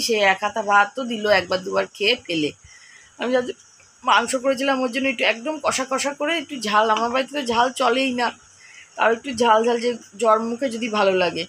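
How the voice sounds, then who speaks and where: A woman talks through her day at home, rambling and homely. Her voice sits fairly high. A soft hum of background noise stays under her speech. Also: poor audio. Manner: chatty, rambling, homely storytelling. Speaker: homemaker vlogger. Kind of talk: casual daily-life vlog narration. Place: at home, indoors.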